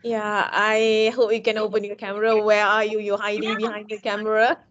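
A woman's voice: medium pitch, completely flat delivery, a little fast, fairly bright tone. A woman hosting an online meeting, chatty, calling on guests by name. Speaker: meeting host. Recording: dull lo-fi sound.

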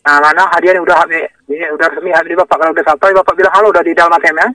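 Rapid-fire, insistent man over the phone. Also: fairly high pitch, steady tone, sharp tone, no room sound, distant mic. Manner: insistent, repetitive, checking for understanding. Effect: heard over the phone. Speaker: phone scam caller. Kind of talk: fast, repetitive instructions over the phone. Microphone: phone call. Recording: phone call audio.

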